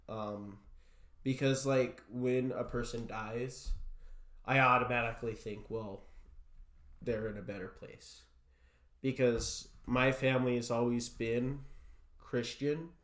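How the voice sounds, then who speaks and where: A young man being interviewed, telling a personal story in a halting way full of fillers. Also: medium pitch. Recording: roomy echo.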